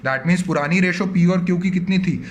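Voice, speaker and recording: A man's voice: high-pitched, moderate pace, slight background noise. A man teaching an online accountancy lesson with an Indian accent, talking to his students as "बच्चों" and voicing their questions back to them. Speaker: commerce teacher.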